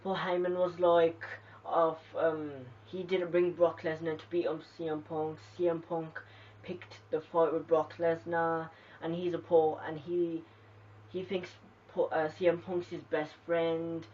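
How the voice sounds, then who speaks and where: A home reviewer rambles through a casual spoken recap, filling gaps with "like" and "you know". The voice stays flat and even. It sounds distant and muffled, caught on a cheap lo-fi mic. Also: mid-range voice, unhurried. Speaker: wrestling show reviewer.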